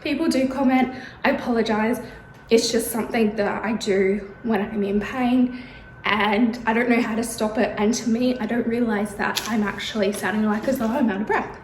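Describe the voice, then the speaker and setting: A woman's voice: a little high, steady tone, moderate pace, reverberant, a little hiss or hum. Breathless Australian woman vlogging at night. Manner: chatty, with many ums. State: out of breath from pain. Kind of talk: casual vlog talk to camera. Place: bedroom at home.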